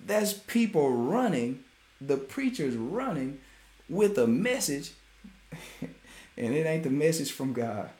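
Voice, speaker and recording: Animated man preaching in an echoey room. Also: a little high, slow, pauses often. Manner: animated, laughs often, Southern US vernacular. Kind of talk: informal sermon.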